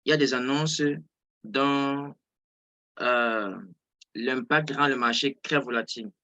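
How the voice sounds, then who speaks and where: A trading instructor who isn't a native French speaker teaches an informal live online lesson, often repeating and rephrasing himself for emphasis. His mid-range voice is sharp and slow, captured by a close mic on a video call with a dry sound.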